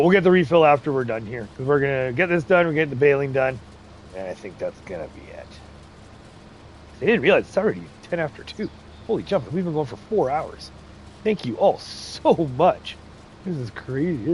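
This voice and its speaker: Reading chat out loud and laughing often, a livestream host chats his way through a casual farming game. His voice is a little high, with slight background noise. His family background is English, Irish, Scottish, Ukrainian and Romanian.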